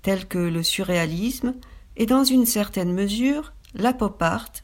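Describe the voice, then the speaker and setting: A woman's voice: medium pitch, unhurried, a little mellow. A woman giving a scripted, informative narration with a light, playful touch. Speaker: presenter.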